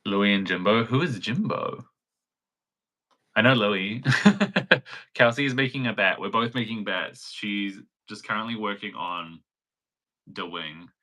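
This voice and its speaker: A man's voice: fairly low pitch, measured pace, pauses often, sharp tone. A young man with a New Zealand accent, hosting a casual crochet livestream in a chatty, giggly way, full of likes and ums. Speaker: crochet pattern designer and livestream host.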